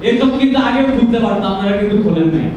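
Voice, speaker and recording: A young student speaker giving a fiery, exhorting speech into a handheld mic at an indoor meeting. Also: male voice, high voice, lively intonation, very fast, highs cut off, a little hiss or hum. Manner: fiery, exhorting, rising to shouts. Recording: echoey hall, mic at a distance, crowd behind.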